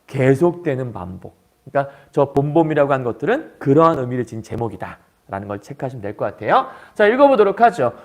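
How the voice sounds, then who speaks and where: A male literature teacher lecturing, animated and often asking questions to the class. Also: mid-range voice, quick pace.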